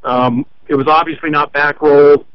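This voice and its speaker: A man's voice: on the high side, steady tone, moderate pace, smooth, no echo. A man calling in to a radio show over the phone, explaining his complaint step by step. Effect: heard over a phone line. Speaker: caller to a consumer-advice radio show. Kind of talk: call-in conversation. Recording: muffled dry phone line.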